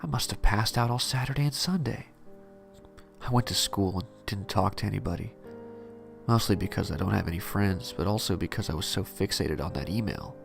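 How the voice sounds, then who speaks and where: A man narrating a parody horror story in a deadpan first-person telling. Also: lowish voice, fairly quick, gravelly, music in the background.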